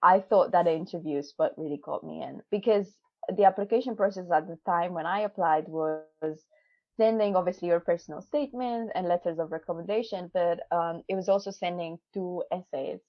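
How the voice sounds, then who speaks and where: This interviewee is a PhD student in her twenties who speaks English as a second language, and she talks a little fast in a fairly low voice. She's chatty and laughs a lot, with plenty of fillers and restarts. The video call sound is dull and dry, with no echo.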